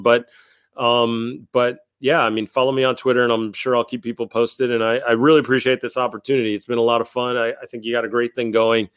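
A man's voice: medium pitch, clear, resonant tone, no echo. A man, likely in his thirties, telling stories as a podcast guest in a casual, rambling, enthusiastic way, often repeating words. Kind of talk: casual interview storytelling.

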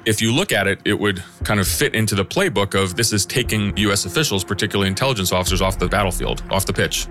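A man's voice: fairly low pitch, fast, hardly any pauses, bright, forceful tone. A man explaining conversationally as an expert in an interview. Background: music.

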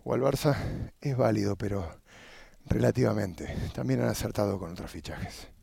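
Gravelly-voiced Argentine man, low and husky. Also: mellow, no room sound. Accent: Argentine Spanish. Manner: thinking aloud, pausing mid-phrase. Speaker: podcast host. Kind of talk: casual spoken monologue. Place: outdoors riding a bicycle through a city.

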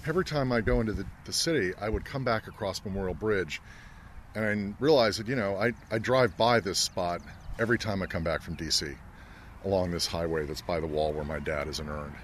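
A man telling stories in a relaxed, animated way while walking outdoors, pausing to read inscriptions aloud. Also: deep voice. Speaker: interviewee, news colleague. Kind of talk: conversational storytelling on a walk. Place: outdoors at a cemetery. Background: faint traffic and planes overhead.

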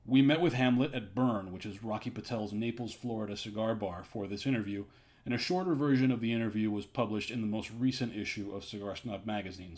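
A man hosting a podcast and interviewing a guest, relaxed and slightly stumbling. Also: fairly low pitch. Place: cigar bar. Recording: busy bar crowd behind. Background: crowd chatter.

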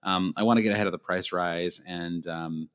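Low-voiced man, quick casual podcast talk. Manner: quick, hesitant, lots of restarts when excited. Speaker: podcast co-host. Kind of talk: casual fantasy football chat.

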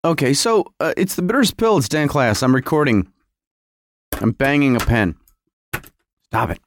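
Animated man rambling in his garage. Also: mid-range voice, moderate pace, slight background noise. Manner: self-interrupting, wry. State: feeling cold. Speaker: podcast host. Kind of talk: rambling casual solo podcast talk. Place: home garage.

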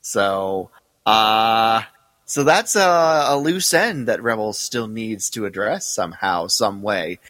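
Bright-voiced man, dry close mic. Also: on the low side, lively intonation, slow, no echo, big-room sound, rough recording. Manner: enthusiastic, hesitant with fillers. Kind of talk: casual podcast chat.

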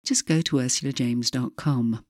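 A woman speaking as a hypnotherapist host, giving guided relaxation in a soft, breathy voice with a calm, measured, soothing delivery and frequent pauses. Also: a bass voice, no echo, studio quality.

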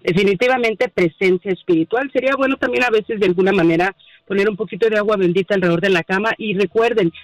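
A woman, calmly explaining dreams and spiritual matters as a radio guest. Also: mid-range voice, fast, no room sound, poor audio. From Mexico. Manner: calm, explanatory, spiritual advice. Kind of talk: advice on a radio show.

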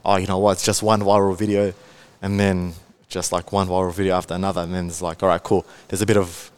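A Melbourne man in his twenties, a content creator with an Australian accent, chats casually as a podcast guest. His voice sits low with a level tone and comes out quick and smooth, laid-back and full of fillers.

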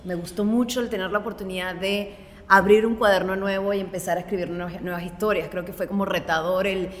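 A Venezuelan-accented woman in her late twenties talks as an interview guest, loose and chatty with plenty of filler words. Her voice sits at an ordinary middle pitch. A long reverb trails behind her. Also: steady tone, fast talker. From Maracaibo, Venezuela. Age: late 20s. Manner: chatty, leans on "o sea, como que" fillers. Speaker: guest, blogger. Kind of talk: casual interview chat.

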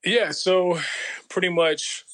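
A man, telling his life story as a podcast guest in a relaxed, slangy way. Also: high voice, takes it slowly. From Los Angeles. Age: 30s. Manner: laid-back storytelling, slangy, many fillers. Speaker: guest, former soldier. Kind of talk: casual interview.

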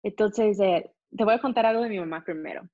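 A young woman with an American accent and native English, telling a lively story as an interview guest and acting out the people in it. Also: medium pitch, a little fast, no echo. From United States. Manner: animated, acts out voices in her story. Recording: dull, muffled sound.

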